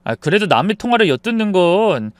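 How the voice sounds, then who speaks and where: A man's voice: sits high, big pitch swings, brisk, dry recording, clean studio sound. A man voicing a dismissive adult son who brushes off his mother, sighing before his lines. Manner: whiny, starts lines with a sighing "ah".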